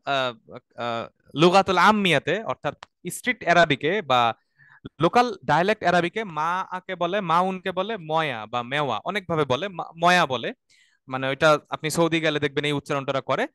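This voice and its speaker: A man's voice: on the high side, bright, forceful tone, smooth, no room sound. A man teaching a Quranic Arabic class. He explains step by step and repeats words for students to say after him. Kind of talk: online class lecture.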